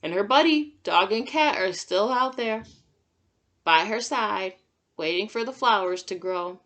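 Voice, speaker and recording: Reading a picture book to little kids, this kindergarten teacher pauses for easy, encouraging remarks and questions. She has a mid-range, fairly bright voice with lively intonation and a slightly slow delivery.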